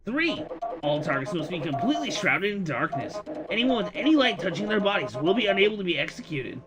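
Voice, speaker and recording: A man voicing a gleeful, scheming male demon who talks through a phone, showy and excitable in a sing-song way. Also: high-pitched, a little fast, pitched above the performer's own voice. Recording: music playing behind voice.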